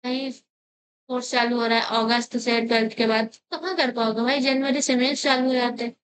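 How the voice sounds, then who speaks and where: Young woman bluntly lecturing students, kinda high voice, faint hiss behind. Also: flat delivery, a little fast. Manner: blunt, scolding, repeats warnings. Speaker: education vlogger. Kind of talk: direct advice to students.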